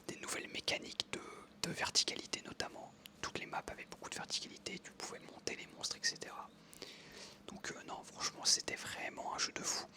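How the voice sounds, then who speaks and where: Whispering softly with no voice, a young adult ASMR creator drifts through a story, leaning on many fillers along the way.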